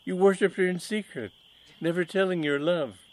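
An amiable, bewildered young gentleman with a mild, stammering upper-class English manner, as a man puts him on. Easygoing and a little lost, his voice stays close to the narrator's own. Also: high-pitched, normal speed, voice pushed up, natural voice, poor audio. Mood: puzzled.

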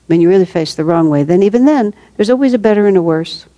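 This woman talks fast, her medium-pitched voice dark in tone with lively intonation and no echo. As a spiritual teacher, she gives a reflective, conversational talk to a group, laughing lightly and fielding questions along the way.

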